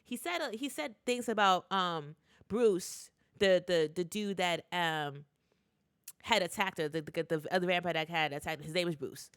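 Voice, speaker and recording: A woman's voice: fairly low pitch, normal speed, clean tone, no room sound, clean studio sound. A woman recapping a TV show in a casual vlog, retelling scenes with lots of fillers and restarts. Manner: animated retelling with acted quotes, many fillers and restarts. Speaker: TV recap YouTuber.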